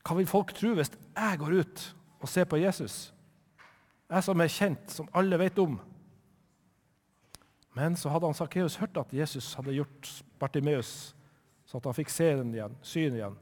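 A man from Northern Norway telling a Bible story to children in church, lively and chatty, asking his listeners questions. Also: a little high, in a large hall.

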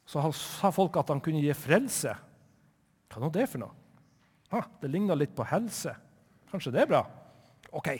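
A man from Northern Norway telling a Bible story to children in church, lively and chatty, asking his listeners questions. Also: a little high, long pauses, slightly rough, big-room sound.

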